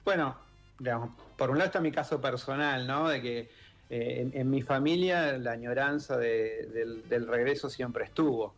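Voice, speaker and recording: Speaking at normal speed with a medium pitch and faint music behind him, a Rioplatense-accented man appears as a radio studio guest. He is an author and member of an exile-children group, born in Italy and raised in Argentina, and his thoughtful speech is full of fillers and restarts.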